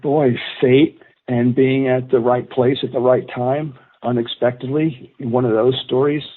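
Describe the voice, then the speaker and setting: A man's voice: mid-range voice, measured pace. A middle-aged man from Atlantic City, a guest telling rambling stories and acting out what people said. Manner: animated, rambling storyteller who acts out quotes. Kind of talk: storytelling in a podcast interview. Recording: tinny phone-line sound.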